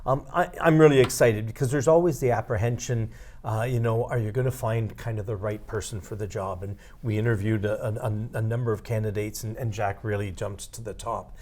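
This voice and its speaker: A middle-aged man giving an earnest interview about his organization, halting and repeating words as he goes. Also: on the low side, fairly even intonation, a little mellow, a little hiss or hum. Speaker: outgoing executive director. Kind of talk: studio interview.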